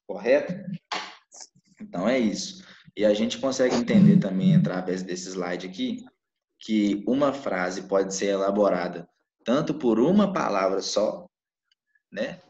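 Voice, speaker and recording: A man's voice: on the low side, darkish tone. A man teaching a live online class, checking in with his students with "né?" and "tá?" as he explains. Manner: explains with frequent "né?" and "tá?" check-ins. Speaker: Portuguese teacher. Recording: echoey room, dull lo-fi mic.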